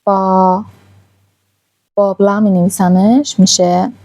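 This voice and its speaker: A woman gives an online language lesson to beginners. Her voice is mellow and warm. She draws out each sound she demonstrates with patient care. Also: medium pitch, steady tone, muffled recording. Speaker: Thai language teacher.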